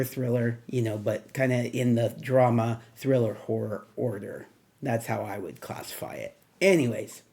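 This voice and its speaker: A man's voice: mid-range voice, mellow. A middle-aged man giving a casual spoken movie review, rambling with many fillers and restarts.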